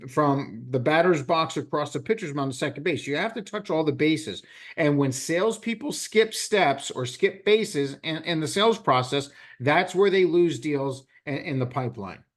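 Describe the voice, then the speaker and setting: A middle-aged man runs a live sales training session, animatedly acting out both sides of phone calls. His voice sits on the high side and moves at a moderate pace.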